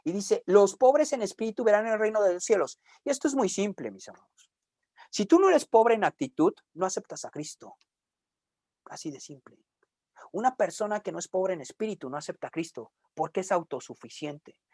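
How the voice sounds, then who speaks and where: A man's voice: high voice, very animated, normal speed, darkish tone, no room sound, studio quality. A man with a Mexican Spanish accent preaching a sermon in a conversational way, with joking asides.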